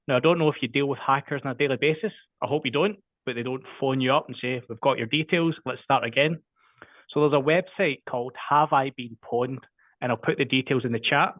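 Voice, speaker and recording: A man with a Scottish accent, originally from Scotland, giving a brisk, confident business pitch over a video call. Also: no room sound. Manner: brisk, confident and matter-of-fact. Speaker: business speaker pitching his firm. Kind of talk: short networking pitch. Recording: tinny phone-like line, dry.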